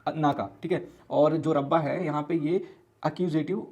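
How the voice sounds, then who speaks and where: A man's voice: on the high side, fairly even intonation, darkish tone, highs cut off. Man teaching with patient repeats. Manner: explains slowly with many repeats and fillers; mixes English words into his talk. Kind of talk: casual online lesson.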